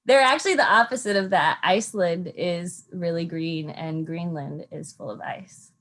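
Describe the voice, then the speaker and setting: A woman's voice: on the low side, normal speed, a bit bright. A young woman from Alaska, a podcast guest, talking earnestly about travel and home in a casual interview with frequent ums. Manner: earnest, thoughtful, many ums.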